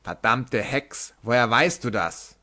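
A man voicing a coarse, hot-tempered old sailor who snarls his threats in a gruff voice. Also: fairly low pitch, lively intonation, takes it slowly, fairly bright tone, exaggerated voice. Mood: angry.

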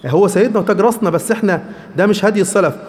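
A man with an Egyptian Arabic accent giving an emphatic, animated religious lesson, often acting out what others say. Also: high-pitched, racing. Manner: emphatic, animated, acts out quoted speech. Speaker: religious teacher. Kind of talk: lecture on hadith. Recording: reverberant hall.

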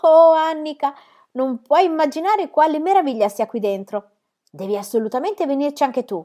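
A woman voicing an eager young boy with a high, excited voice. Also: brisk.

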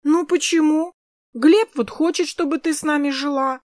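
A woman's voice: high-pitched, fairly even intonation, normal speed, a little mellow, no room sound, clean studio sound, pitched above the performer's own voice, natural voice. Woman doing a chatty little girl. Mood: eager. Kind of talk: audiobook character voice.

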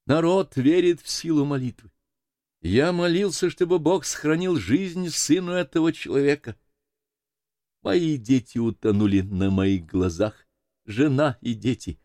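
A man's voice: fairly high pitch, unhurried, a little mellow, dry recording, studio quality, pitched above the performer's own voice. A man voicing a grief-stricken, pious elderly man in an audiobook, speaking in a solemn, fervent way. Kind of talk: audiobook character voice.

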